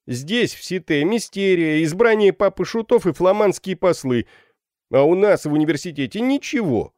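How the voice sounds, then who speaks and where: A man's voice: sits high, lively intonation, normal speed, darkish tone, no echo, clean studio sound, pitched above the performer's own voice. A man doing a brash, jeering young student. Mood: mocking. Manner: jeering, rowdy.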